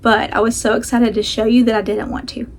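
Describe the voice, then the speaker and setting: A woman's voice: fairly high pitch, little pitch movement, fairly quick, creaky, a little hiss or hum. A woman chatting casually to camera as a vlog host, rambling and self-deprecating, talking with a sore jaw that slightly restricts her mouth.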